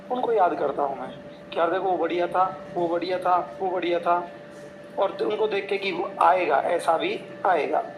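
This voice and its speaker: A young man with a rather high voice, a coaching teacher, spins chatty, jokey stories for his students. His talk is full of quoted back-and-forth dialogue. The room has a noticeable echo and some faint background noise. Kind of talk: motivational storytelling to students.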